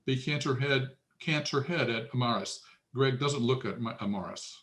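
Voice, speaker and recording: A male narrator with a medium-pitched, fairly bright voice reads stage directions plainly during a screenplay table read, moving at a moderate pace.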